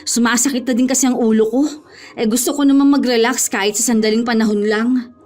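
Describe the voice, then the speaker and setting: A woman's voice: on the high side, steady tone, a little fast, a little mellow, lightly acted. A woman playing a worried, stammering young woman. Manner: worried, stammers when nervous. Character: anxious young woman in debt, pleading. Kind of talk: Tagalog horror audio drama.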